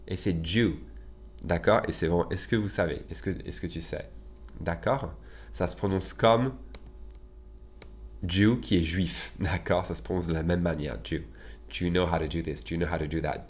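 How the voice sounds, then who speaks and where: Teacher drilling English phrases. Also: male voice, deep voice. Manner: conversational, many filler "euh"s. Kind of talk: bilingual English lesson in French.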